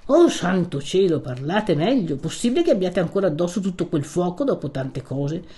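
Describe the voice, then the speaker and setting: A woman's voice: fairly low pitch, very animated, moderate pace, mellow. A woman voicing a timid, fussy old male village priest who anxiously scolds a young man. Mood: fretful.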